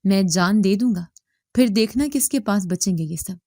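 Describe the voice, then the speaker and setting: A woman voicing a defiant, careless young man in a spoken story, answering back in a shouting, reckless manner. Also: mid-range voice, dry recording, clean studio sound, close to an everyday voice.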